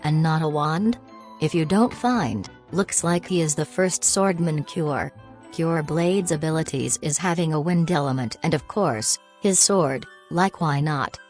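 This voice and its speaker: A woman with a low voice talks through a fan explainer in an easygoing, offhand way. She pokes fun at herself as she goes, recorded on a home mic. Soft music plays faintly underneath. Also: a little slow. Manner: offhand and self-deprecating. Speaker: fan video creator. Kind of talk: casual narrated explainer.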